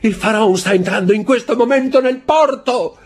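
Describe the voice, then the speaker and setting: A man voicing an excited young male ship clerk, shouting in a high, strained, husky voice. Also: normal speed, full character voice. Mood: jubilant.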